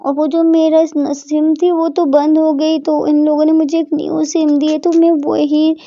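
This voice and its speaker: A young woman student, voiced by a woman storyteller, explains and reassures in a soft, high, slightly gravelly voice. The sound is dull and lo-fi, close and dry, with a dark tone. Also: flat delivery, measured pace, dry recording. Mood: explaining. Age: young adult. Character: young woman student living abroad, reassuring her parents.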